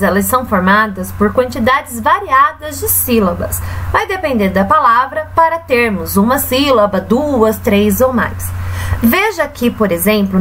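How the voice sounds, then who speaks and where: A Brazilian woman teacher speaks slowly in a high, bright voice, stretching each example word syllable by syllable. Her pitch swings widely in a sing-song teaching tone. A faint hiss sits under the recording. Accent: Brazilian Portuguese. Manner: slow, sing-song teacher talk, drawing out example words. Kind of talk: recorded remote grammar lesson for children.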